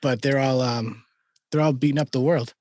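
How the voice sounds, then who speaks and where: A man co-hosting a podcast, chatting casually with halting restarts and fillers. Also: mid-range voice, no echo. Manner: halting, fills with um, lively. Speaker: podcast co-host.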